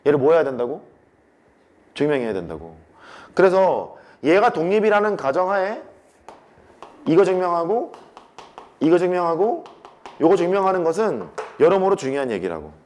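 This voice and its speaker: A man's voice: fairly high pitch, sing-song, moderate pace, pauses often, a little mellow. A man teaching a math class, talking to students in casual speech and hammering points home by repetition.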